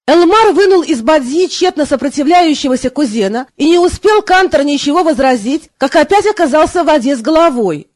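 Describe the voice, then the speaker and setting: A woman narrating an audiobook in a steady storytelling manner. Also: high voice, fairly quick, few pauses, dry recording. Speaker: audiobook reader. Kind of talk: scripted narration.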